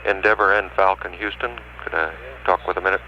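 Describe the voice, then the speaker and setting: Low, bright man on noisy space radio. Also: fairly even intonation, brisk. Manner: clipped, formal radio phrasing. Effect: space radio transmission. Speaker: mission control capsule communicator. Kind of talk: procedural radio communication, reading out numbers. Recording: dull, noisy archival space radio link.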